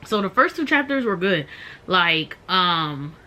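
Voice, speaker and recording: A woman's voice: fairly low pitch, big pitch swings, measured pace, sharp tone. Chatty woman reviewing a book. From Maryland, USA. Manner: chatty, many "um" and "like" fillers. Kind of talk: casual book review vlog.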